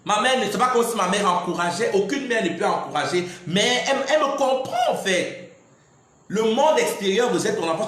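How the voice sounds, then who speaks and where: A man's voice: high-pitched, a bit bright. A man giving a defiant live-stream monologue, repeatedly insisting "I'm sorry" and "in fact.". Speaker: livestreamer. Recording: very echoey room, faint background noise.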